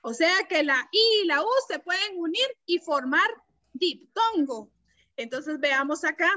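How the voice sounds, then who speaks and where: A woman teacher speaks over a video-call microphone, her voice very high and bright. She explains a lesson patiently and keeps asking the class questions. The tone is that of a teacher leading an online lesson. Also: lively intonation, measured pace, dull audio. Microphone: computer mic on a video call.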